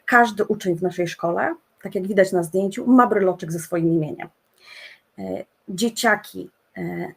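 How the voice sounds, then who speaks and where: A woman's voice: mid-range voice, husky. A middle-aged woman, a special education teacher, presenting at an online conference, speaking off the cuff with many filler sounds and restarts, over a computer mic. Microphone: computer mic on a video call.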